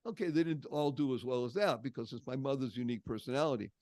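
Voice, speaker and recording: A man's voice: medium pitch, fast, a little mellow, no echo. An older man from the Boston area with a Boston accent, a podcast guest telling stories expressively and stressing key words. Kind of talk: storytelling interview.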